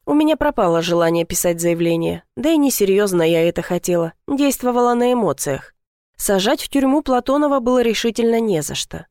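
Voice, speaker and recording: A woman narrating a first-person novel in a wry, lively manner. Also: mid-range voice, a little fast, dry recording, studio quality. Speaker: audiobook narrator.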